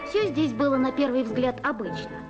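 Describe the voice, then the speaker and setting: High-voiced woman narrating an old newsreel. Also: lively intonation, normal speed. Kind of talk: scripted newsreel narration for a children's documentary film. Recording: dull 1980s film soundtrack, music behind.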